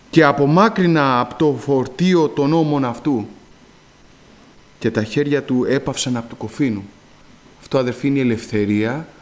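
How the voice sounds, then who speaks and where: A middle-aged man preaching a sermon, slowly reading scripture aloud and then exhorting his listeners in emphatic, rising bursts. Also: mid-range voice.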